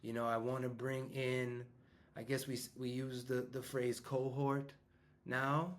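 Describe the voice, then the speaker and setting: Medium in pitch with little movement, this man's voice is unhurried. He is a business coach and school founder from New York in his fifties, giving a rambling, casual talk to his audience that is peppered with fillers and restarts.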